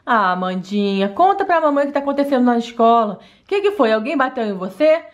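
A woman's voice: a little high, very animated, a little fast, dull audio. A woman voicing a patient mother in a doll play story, coaxing and soothing, often saying the child's name.

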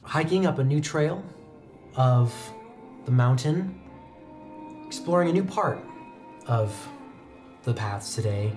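A young adult man, seated at a desk on an indoor studio set, narrates a tabletop roleplaying game as game master with descriptive, conversational storytelling. His mid-range voice is animated and slightly dark in tone, and he speaks slowly with frequent pauses. Background music plays.

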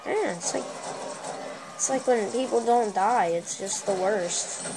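Excitable girlish woman trash-talking gameplay. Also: mid-range voice, slow pace. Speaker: gameplay commentator. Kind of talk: casual gameplay commentary. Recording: noisy recording with steady hiss.

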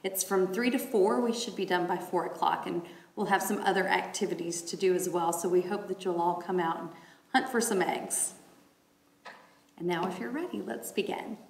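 A middle-aged woman leading a church devotion and reading scripture with measured, deliberate phrasing. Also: fairly low pitch, gravelly, a little mellow. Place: large wood-panelled room indoors. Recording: echoey indoor room.

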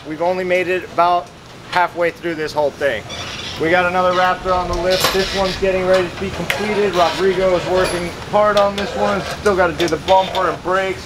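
A man in his thirties giving an upbeat, plain-spoken walkthrough of a car workshop. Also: high voice. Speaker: shop manager giving a tour. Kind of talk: casual walkthrough vlog. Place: large indoor vehicle workshop. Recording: workshop noise behind.

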